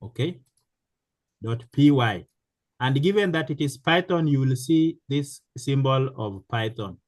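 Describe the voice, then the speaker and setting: Slow, halting man teaching a class. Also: mid-range voice, lively intonation, dry recording. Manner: slow, halting, many fillers and restarts. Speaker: programming teacher. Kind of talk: live online class instruction.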